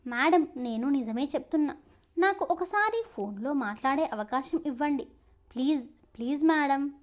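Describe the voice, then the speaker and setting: A woman voicing a frightened young woman pleading with police, high and near tears. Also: expressive, moderate pace.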